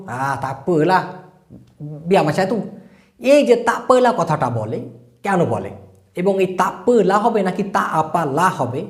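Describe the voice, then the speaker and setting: A man teaching vocabulary in a casual spoken lesson, explaining words slowly, repeating them and checking that his listeners follow. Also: high voice, husky. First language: Bengali. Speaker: language teacher.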